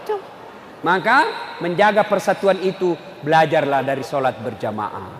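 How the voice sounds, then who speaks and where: Male preacher, high voice, murmurs then shouts, joking asides, long echo in a mosque hall. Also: normal speed. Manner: swings between low murmurs and loud shouts, joking asides to the crowd. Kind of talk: lively mosque sermon. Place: large echoing mosque hall. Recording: echoey hall, faint background noise.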